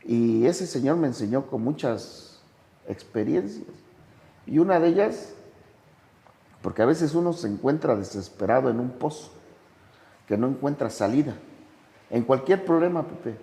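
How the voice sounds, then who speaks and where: Gravelly man telling slow anecdotes. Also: expressive, dark tone, big-room sound. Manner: slow, measured delivery with dramatic pitch swings when telling anecdotes. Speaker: sponsor and podcast guest. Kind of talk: reflective conversational storytelling.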